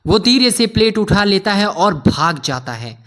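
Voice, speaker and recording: A man's voice: high-pitched, big pitch swings, measured pace, a bit bright. A man narrating an emotional cartoon story in a heartfelt way, often addressing listeners as friends.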